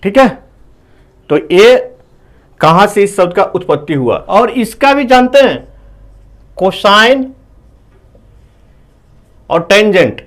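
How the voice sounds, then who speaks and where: A man's voice: high voice, animated, a bit bright. A man teaching a whiteboard math lesson, explaining step by step, asking his students questions and saying "okay" between points. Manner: explains slowly, asks the class questions.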